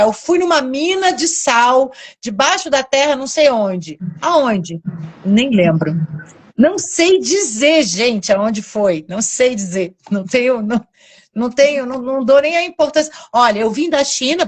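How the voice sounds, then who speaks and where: A woman chatting frankly, acting out quoted dialogue in her stories. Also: on the high side. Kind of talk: casual chat.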